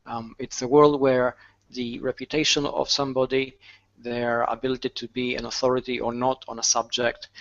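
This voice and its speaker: A man speaking as a guest on a video-call panel, thoughtful, restarting his sentences and filling pauses with ums. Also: mid-range voice, level tone, muffled recording.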